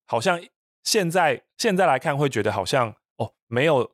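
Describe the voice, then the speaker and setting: Man, podcast guest. Hesitant, reflective delivery, mid pitch, dry room. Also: animated, moderate pace, fairly bright tone, no room sound. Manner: thoughtful, hesitant, laughs often. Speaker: podcast guest, voice business founder. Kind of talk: casual chat.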